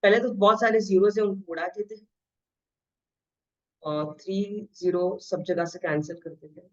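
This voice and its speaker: A woman teaching an exam-prep math lesson, switching between Hindi and English. She reads the questions out slowly and explains them quickly. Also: fairly low pitch, steady tone. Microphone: screen-share voice recording. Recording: slightly dull lo-fi audio.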